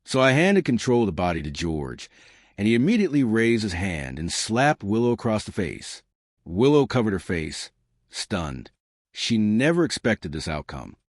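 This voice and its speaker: A man narrates a first-person story in a brisk, wry manner. His voice sits low but moves widely in pitch. The sound is dry and close. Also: big pitch swings, no room sound.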